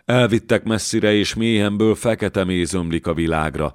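A man's voice: fairly low pitch, dry recording, clean studio sound, pitched above the performer's own voice, natural voice. A man voicing the ghostly severed head of a little girl, whispering and imploring. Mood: pleading.

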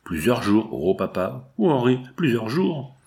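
A man's voice: medium pitch, very animated, a little slow, vocal fry, darkish tone. A man voicing an anxious young girl who pleads and asks fearful questions in an audiobook. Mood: pleading.

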